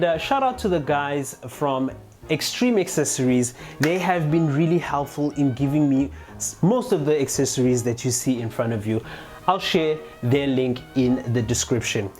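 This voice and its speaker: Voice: medium pitch, a little mellow. A chatty vlogger of unclear sex giving a casual how-to explanation and speaking directly to viewers. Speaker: motovlogger presenting a gear tutorial. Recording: music playing behind the voice. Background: background music.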